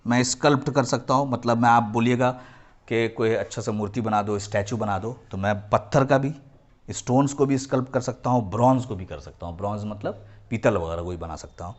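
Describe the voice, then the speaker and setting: A man's voice: medium pitch, brisk. A man teaching a history lesson to children, explaining each term and repeating key points, often slipping into English phrases. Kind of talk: classroom lecture.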